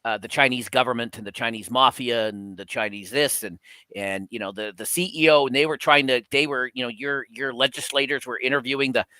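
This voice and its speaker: Male co-host, bright tone, dry close sound, rambling casual chat. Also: mid-range voice, brisk, no echo. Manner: rambling, many fillers and restarts. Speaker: podcast co-host.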